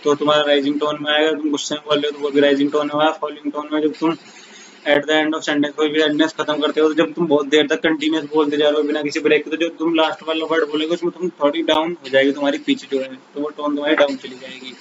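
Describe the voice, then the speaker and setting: A man teaches an exam-prep lesson in casual Hindi mixed with English, reading English definitions slowly and addressing viewers as bhai and guys. His fairly high voice is monotone, and the muffled recording has a little hiss or hum.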